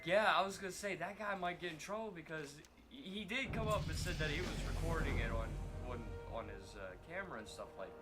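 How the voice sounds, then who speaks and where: A man talking loose and unfiltered on his game stream. His voice sits a little high, and game music plays clearly behind him. He swears and chuckles through his sentences. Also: lively intonation, a little fast, hardly any pauses. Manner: rambling, profane, laughs mid-sentence. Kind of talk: casual chat while streaming a game.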